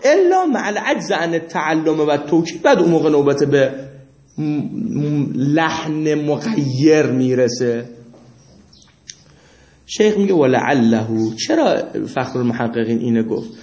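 A man gives a seminary lesson, reading passages aloud and then explaining them. His voice sits a little high for a man. He keeps asking his students questions and answering them himself, and the room around him rings with a clear echo. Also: expressive, pauses often, darkish tone. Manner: reads Arabic passages aloud. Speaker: seminary teacher. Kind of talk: lecturing on Islamic jurisprudence.

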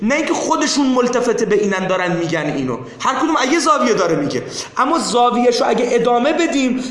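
Male teacher, high voice, insistent repetitive explaining, seminary class, echoey room. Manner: explains insistently, repeating himself.

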